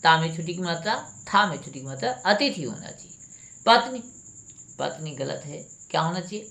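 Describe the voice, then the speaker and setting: A woman's voice: sits low, quick pace, gravelly, fairly bright tone. A woman teacher going through a spelling lesson, reading each word aloud and then correcting it with a question. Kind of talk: spelling lesson for exam students.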